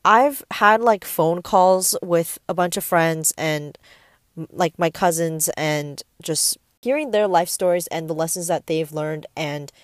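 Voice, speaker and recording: A nineteen-year-old woman from the San Francisco Bay Area hosts a casual solo podcast, rambling, getting easily distracted and filling her talk with "um" and "like." Her voice sits a little low for a young woman and she speaks a little slowly. Recorded through a wired earbud mic into a tablet in a parked car, the sound is close and dry with no room sound.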